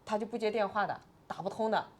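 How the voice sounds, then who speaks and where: A woman's voice: mid-range voice, fast talker. A woman in her forties, an interview guest, telling a painful personal story with agitated, tearful swings between subdued and raised voice.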